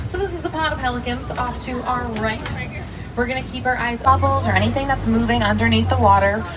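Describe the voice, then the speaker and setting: A woman working as a safari guide, giving instructive tour commentary to riders on a truck. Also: on the high side. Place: open safari truck outdoors. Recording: distant, loud truck engine noise. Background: vehicle noise.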